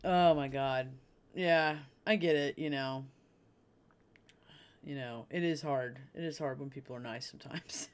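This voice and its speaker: A woman's voice: extremely low pitch, unhurried, pauses often, a little hiss or hum. Woman streaming, just chatting to chat, swears a lot, laughs between lines, rambles. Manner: frank, rambling, swears freely; laughs often between sentences. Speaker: livestreamer. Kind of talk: casual chat with a live audience.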